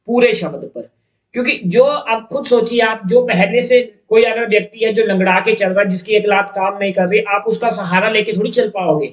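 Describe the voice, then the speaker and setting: A man's voice: high voice, fairly bright tone, reverberant. A male teacher going through a mock test question by question, explaining each step and repeating key terms. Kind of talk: exam-prep lesson.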